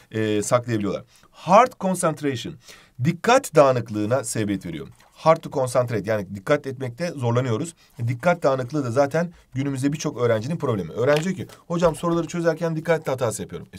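Animated, quick-talking male English teacher. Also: medium pitch. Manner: animated, jokey, explains each phrase in two languages. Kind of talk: exam-prep online lesson.

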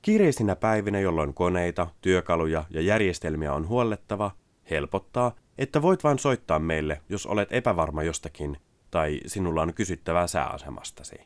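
A man narrating a scripted product voice-over in an even, explanatory way. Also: deep voice, dry recording.

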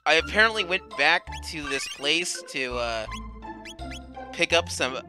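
Male gamer, fairly high lively voice, self-deprecating casual chat, laughs easily, game music behind. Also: a little slow. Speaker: game player leading the session.

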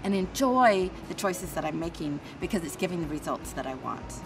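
A woman's voice: fairly low pitch, lively intonation, moderate pace, far from the mic, over music. A woman in her sixties, a former cardiac rehab patient, speaks sincerely and gratefully in an interview in an indoor rehab gym, on a lapel mic. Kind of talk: documentary interview.

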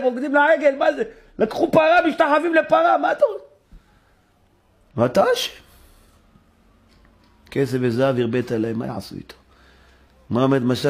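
With a breathy edge to his voice, a rabbi gives a lively sermon in a synagogue, performing dialogue and bursting into sudden high-pitched exclamations.

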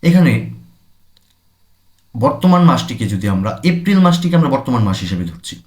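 A man from Bangladesh teaching a recorded language lesson, explaining slowly and repeating each word with its meaning. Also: medium pitch, big pitch swings, a little mellow. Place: language center classroom or studio.

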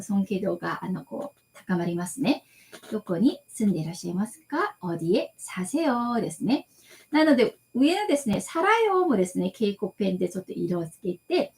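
A woman teaching an online language class, repeating model sentences slowly and patiently and adding soft fillers as she explains. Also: medium pitch. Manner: slow, patient drilling with repeated model phrases; adds frequent softening fillers. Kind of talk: online lecture.

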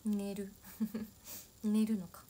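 Young woman, chatty, giggly, casual livestream chat, mid-pitched. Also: little pitch movement, takes it slowly, warm tone. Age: young adult. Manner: chatty, giggly, answering viewer comments. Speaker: idol livestreamer.

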